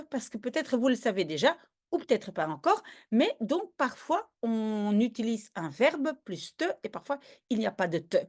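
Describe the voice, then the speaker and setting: Her voice is fairly high-pitched yet darkish in tone. A native Dutch speaker and language teacher, she gives a patient, step-by-step grammar explanation in a video lesson, often checking that listeners understand.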